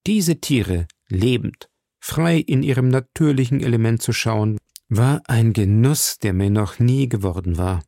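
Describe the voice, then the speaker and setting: Gravelly-voiced man reading a story. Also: medium pitch, expressive, measured pace, mellow, no echo, studio quality. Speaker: audiobook narrator. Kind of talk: scripted narration.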